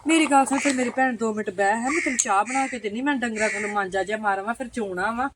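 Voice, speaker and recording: A woman's voice: fairly high pitch, fast, noisy background, lightly acted. A woman playing a fussing poor village mother. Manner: fussing, exclaiming, firm. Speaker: sister-in-law.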